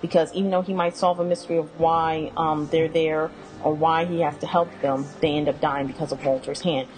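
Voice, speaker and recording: A woman's voice: sits low, little pitch movement, a little fast, darkish tone, soft background music, poor audio. A woman casually walking through a video game's characters, rambling with fillers and correcting herself as she goes. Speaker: video game commentator. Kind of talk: casual spoken character rundown.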